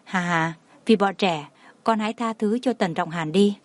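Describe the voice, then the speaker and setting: A woman voicing a gentle, consoling older father who speaks kindly to his daughter. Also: mid-range voice, moderate pace, no room sound, lightly acted.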